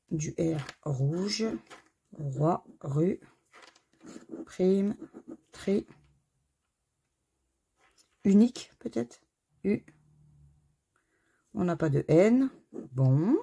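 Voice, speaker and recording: Slow, husky French woman scratching tickets. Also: lowish voice, dark tone. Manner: chatty, self-mocking, spelling letters aloud. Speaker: scratch-card video host. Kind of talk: casual scratch-card commentary. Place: home corner under renovation.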